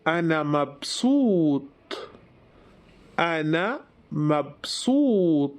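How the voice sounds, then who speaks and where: A man with an Egyptian Arabic accent who teaches the language, repeating each phrase slowly in its male form. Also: a little high, sing-song. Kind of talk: slow phrase drill for learners.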